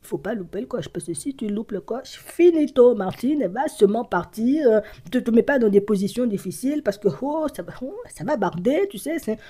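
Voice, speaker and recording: A woman's voice: on the high side, lively intonation, a little fast, few pauses, mellow, breathy edge. A woman voicing the anxious inner voice of a hesitant lover, warning against missing a chance.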